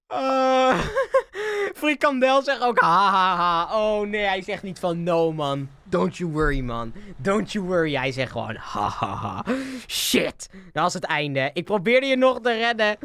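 Excitable streamer. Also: medium pitch, slow pace, clean tone, no room sound, studio quality. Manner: excitable, laughs often, drops English slang. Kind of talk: live gameplay commentary.

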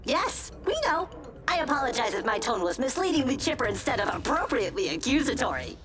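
A chipper, bureaucratic lab AI. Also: female voice, fairly high pitch, big pitch swings, quick pace. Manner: chipper, precise, formal. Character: cheerful female lab AI, politely bureaucratic.

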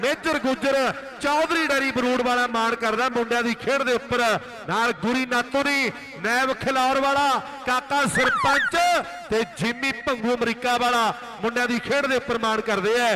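A man's voice: very high-pitched, fairly even intonation, moderate pace, few pauses, crowd noise, low-quality recording. A man with an Indian Punjab accent delivering frantic rural sports commentary at a kabaddi tournament, exhorting and repeating his phrases. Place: live commentary at a village kabaddi tournament ground.

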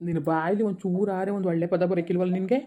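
A woman plays an indignant parent who scolds sharply. The talk comes quickly. The sound is thin and tinny, like a phone line. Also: fairly low pitch, steady tone, dark tone, close to an everyday voice. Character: indignant parent defending the daughter.

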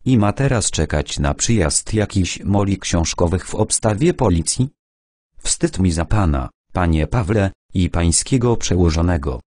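A dignified, bearded old gentleman, read by a man who exclaims with heart and reproaches. His voice is deep and dry. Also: expressive, a little slow, no room sound. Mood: reproachful.

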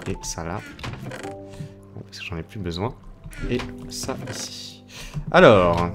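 A young man with a French accent talks through his game in a slightly low voice, playful and chatty as he addresses his viewers. Faint game music plays quietly behind him. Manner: chatty, playful, talking to viewers while playing. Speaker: gaming video host. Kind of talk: casual Let's Play commentary.

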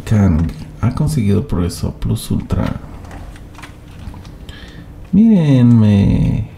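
A man streams a game live, talking straight to his chat with teasing banter. His voice is gravelly and very dark, and he speaks slowly with a lively, swinging pitch. Faint keyboard clatter sits behind him. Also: slight background noise. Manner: chatty, addresses chat directly, teasing banter. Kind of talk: live gameplay commentary.

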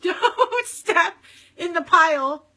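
A woman's voice: very high voice, animated, takes it slowly, pushed and bright. A woman in her thirties chatting casually and playfully during a game. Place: small room indoors.

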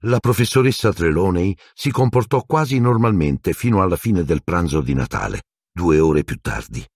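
A man narrating an audiobook with expressive, storytelling intonation. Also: low voice, moderate pace, creaky, no room sound, clean studio sound.

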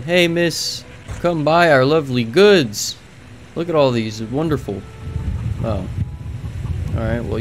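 A young man giving jokey, playful commentary on his video game, sometimes yelling in mock panic. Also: medium pitch, noisy background. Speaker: gaming video creator. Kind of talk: comedic gameplay commentary. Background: game music.

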